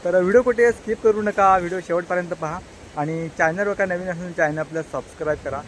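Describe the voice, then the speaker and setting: A man's voice: sits high, fast, slight background noise, poor audio. A man from the Konkan coast talking casually to his channel's viewers with hesitant fillers, filming on a phone at his village home. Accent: Konkan Marathi. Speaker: village vlogger. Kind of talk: casual vlog narration. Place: village home and outdoors in rain.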